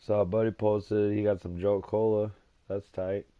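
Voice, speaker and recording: A man live-streaming a game from his dim living room, rambling in a sleepy, drowsy monotone. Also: lowish voice, normal speed, a little hiss or hum. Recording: dull lo-fi stream audio with faint music.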